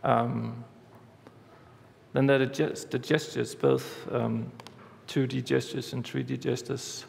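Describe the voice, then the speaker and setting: A man giving a conference talk, walking through a live demo step by step in a halting way, recorded in a large hall. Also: medium pitch, flat delivery, creaky, a little mellow. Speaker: conference speaker. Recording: reverberant hall, faint background noise.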